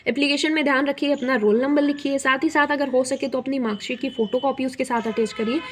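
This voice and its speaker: A woman's voice: high voice, steady tone, quick pace, slight background noise. A young woman hosting an explainer video, talking conversationally with frequent fillers and words mixed in. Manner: conversational, many fillers, mixes English words into Hindi. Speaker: student guidance youtuber.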